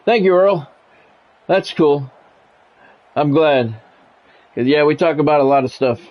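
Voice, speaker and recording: A man with a slightly high voice live streams a football video game, blending blunt, casual chat with play-by-play. He talks haltingly, often repeating words and phrases as he goes. The recording has its highs cut off.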